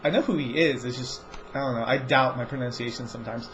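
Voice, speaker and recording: A man's voice: medium pitch, fast, a bit bright, slight background noise. Rambling man, slightly muffled recording. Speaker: movie review show host. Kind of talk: casual rambling monologue.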